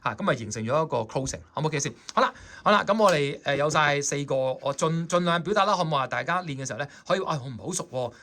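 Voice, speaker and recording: A saxophone teacher with a Hong Kong Cantonese accent talks his students through a score in a chatty, coaxing way. His voice sits fairly high for a man and swings up and down with lots of lively movement. He keeps checking that everyone is following. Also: very fast, hardly any pauses, slight background noise. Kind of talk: explaining a score in a music lesson.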